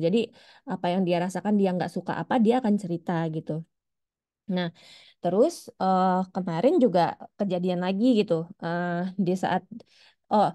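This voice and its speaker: Brief: woman in her thirties, parent caller, rambling and hesitant, mellow tone, dry close sound. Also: mid-range voice, dry recording. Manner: rambling, hesitant, many restarts. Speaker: parent asking a question. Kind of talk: casual spoken question on a call.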